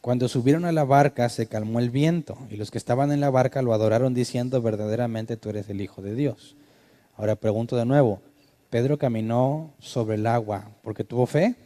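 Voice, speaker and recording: A man's voice: medium pitch, a little fast, warm tone. A male pastor, teaching a sermon conversationally and asking his listeners questions. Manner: conversational, asks the audience questions.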